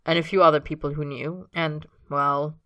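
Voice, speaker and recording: A woman voicing a calm, soft-spoken young man. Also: moderate pace, dry recording, clean studio sound. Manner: matter-of-fact and low-key.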